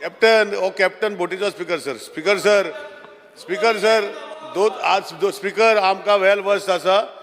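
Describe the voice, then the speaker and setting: A man with a Goan accent moving a bill in a legislative debate, rapidly and repeatedly addressing the Speaker, mixing Konkani and English. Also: high voice, a bit bright. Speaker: state minister moving a bill. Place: legislative assembly hall. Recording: long hall reverb.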